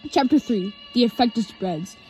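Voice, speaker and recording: A woman reading her own homemade story aloud, in a halting way with restarts. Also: a little high, darkish tone, faint music behind.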